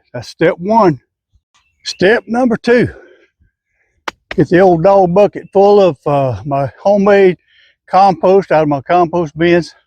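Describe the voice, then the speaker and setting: An older man talks through garden chores in a folksy, plain-spoken way, one step at a time. His voice sits a little high for a man. It is captured outdoors on a camera mic, with a dry sound and no room echo. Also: a little mellow. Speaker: home gardener. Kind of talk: casual how-to garden vlog.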